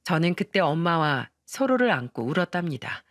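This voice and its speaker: A woman narrating a scripted first-person family story in a calm, even manner. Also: on the low side, normal speed, dry recording, clean studio sound.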